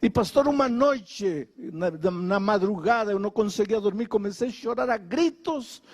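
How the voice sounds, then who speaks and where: A man's voice: expressive, normal speed. An older man preaching a sermon, telling a story dramatically and acting out the dialogue. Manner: dramatic, acts out dialogue with wide pitch swings. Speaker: pastor.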